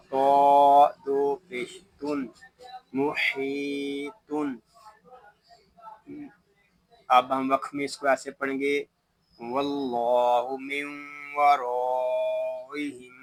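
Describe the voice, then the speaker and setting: A man teaching Quran recitation, spelling each word slowly letter by letter, explaining the tajweed rules, and then reciting the verses melodically. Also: medium pitch, sharp tone, poor audio.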